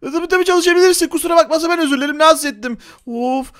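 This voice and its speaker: A man with a Turkish accent narrating a Minecraft role-play video, playful and excitable, talking to his viewers. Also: very high-pitched, very fast. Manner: playful, excitable, talks to the audience. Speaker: gaming YouTuber.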